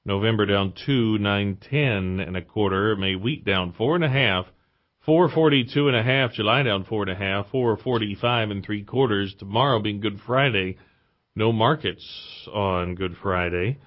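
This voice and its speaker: A man's voice: fairly low pitch, normal speed. An American man reading stock prices as a radio market reporter, reciting figures in a clipped manner. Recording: slightly muffled radio broadcast.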